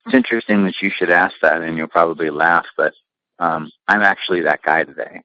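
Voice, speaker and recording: A middle-aged man, founder of a limousine company, telling long anecdotes with lots of fillers in a relaxed interview. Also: sits low, fairly quick, no echo, muffled recording. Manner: rambling anecdotes with many fillers.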